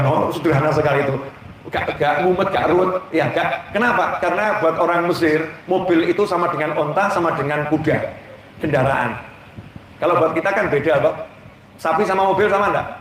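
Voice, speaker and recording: Here a male Indonesian preacher tells humorous stories with folksy Javanese asides during a religious sermon in a large gathering hall. His voice runs on the high side and a little fast. Captured from afar, the recording is echoey, with faint ambience and slight background noise.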